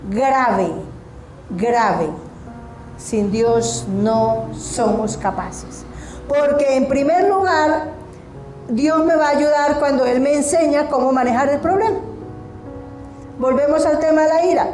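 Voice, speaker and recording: High-voiced woman preaching. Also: slow, pauses often, darkish tone, echoey room, soft background music. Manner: emphatic, asks the congregation questions. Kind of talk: sermon. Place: church hall.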